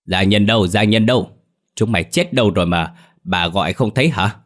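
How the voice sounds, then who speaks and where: A man voicing a frightened, cruel noblewoman in a ghost story, shouting in panic. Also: deep voice, moderate pace. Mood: imperious.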